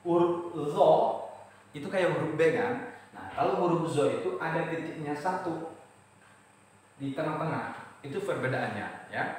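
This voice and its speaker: An Indonesian man with an Indonesian accent explaining letters in a casual lesson, chanting recited verses slowly. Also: on the high side, far from the mic. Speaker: Quran reading teacher. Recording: very echoey room, voice off-mic, faint noise.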